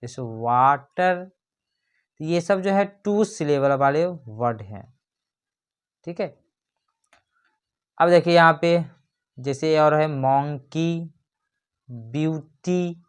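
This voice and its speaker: A teacher in an explanatory lesson who talks at a slow, unhurried pace. Definitions come out drawn-out and deliberate, then get broken down with rhetorical questions. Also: medium pitch, animated. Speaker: English grammar teacher.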